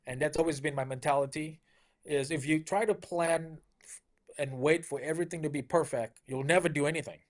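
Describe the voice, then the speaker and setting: A middle-aged Malaysian man who owns a car dealership tells stories in an upbeat, conversational interview style, often dropping in "you know." His voice is on the high side and he talks a little fast.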